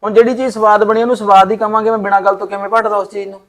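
A man with a Punjabi accent acting a husband in a short film, calming his wife down. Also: sits high, rapid-fire. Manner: placating, easygoing.

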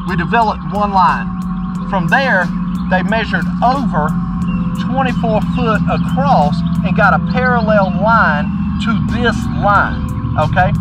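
A middle-aged man presenting an outdoor how-to demonstration, plain-spoken and explaining step by step to viewers. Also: high voice. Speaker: company presenter. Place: outdoors by a driveway on a sunny rural property.

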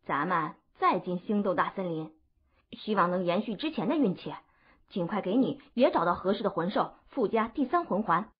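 A man's voice: sits high, expressive, moderate pace, breathy edge, lo-fi sound, pitched above the performer's own voice. Man doing a light-voiced teenage boy. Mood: eager. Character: eager teenage boy companion. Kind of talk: audiobook character voice.

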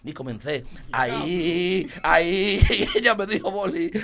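A man telling comic jokes in a sketch, shouting his punchlines. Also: fairly high pitch, lively intonation, measured pace, creaky. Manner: jokey storyteller, shouts punchlines. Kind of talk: comic skit, mock Galician joke-telling.

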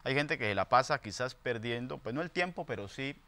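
Bright-voiced priest preaching at Mass. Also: male voice, medium pitch, animated, brisk. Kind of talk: Gospel reading and homily. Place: small indoor chapel. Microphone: lectern gooseneck microphone.

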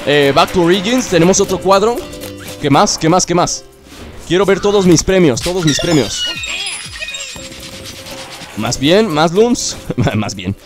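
A young man, chatting excitedly as he plays through a video game and cheers himself on. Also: high-pitched, a little slow, pauses often. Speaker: gaming YouTuber. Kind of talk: let's play commentary. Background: game music.

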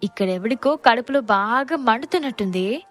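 Woman doing a cheeky young best friend for an audio story, loud and mocking, high voice. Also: animated, normal speed, soft background music, close to an everyday voice.

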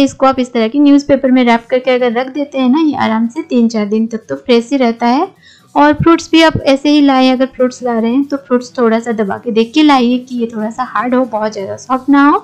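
A middle-aged woman from India giving friendly kitchen tips in a voice-over, mixing English words into her Hindi. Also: high voice. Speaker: home cooking channel host. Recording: soft music bed behind voice-over.

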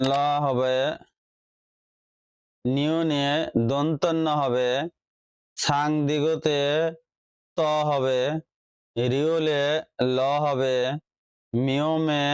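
A man teaching a language lesson, reading out pronunciation rules and examples in a slow, measured dictation. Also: fairly high pitch, clear, resonant tone, rough recording. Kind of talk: scripted lesson narration.

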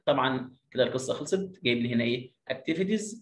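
A man with an Egyptian accent teaching a phonics reading lesson, reading English sentences slowly and then explaining them quickly in Arabic. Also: medium pitch, animated, reverberant.

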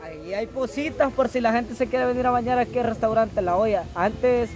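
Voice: mid-range voice, normal speed, a little mellow, faint music behind, low-quality recording. A speaker with a Salvadoran Spanish accent casually telling the place's story and inviting viewers. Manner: informal storytelling.

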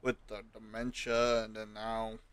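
A man's voice: lowish voice, monotone, a little slow, a bit bright, smooth. A man improvising as a police officer in game role-play, speaking matter-of-factly.

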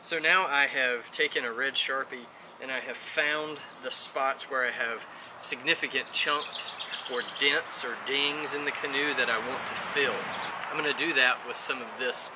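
A man's voice: mid-range voice, normal speed. Man in his 30s, easygoing DIY vlogger, backyard, noisy outdoor air with passing cars. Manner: relaxed, chatty with fillers. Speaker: outdoor channel host. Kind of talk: casual how-to vlog.

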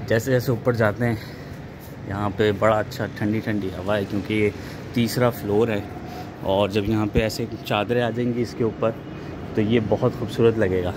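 A middle-aged man walking a camera around his rooftop and describing the planned renovation in a relaxed, enthusiastic way, pausing often to think. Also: lowish voice, background noise. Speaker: vlogger showing a rooftop renovation. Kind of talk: casual walkthrough narration. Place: rooftop of a house, outdoors.

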